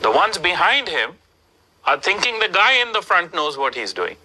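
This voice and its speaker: Middle-aged man, very bright edgy voice, animated storyteller, studio interview. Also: high voice, moderate pace, low-quality recording. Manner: animated storyteller, rhetorical questions. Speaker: speaker in an interview clip. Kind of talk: storytelling talk. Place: indoors, plain studio backdrop.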